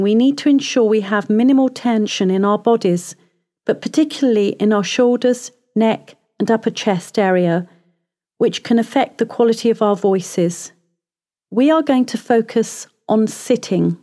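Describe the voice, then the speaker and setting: A woman voice coach reads scripted instructions in a calm, measured way. Her voice sits a little high, and she takes her time over every step.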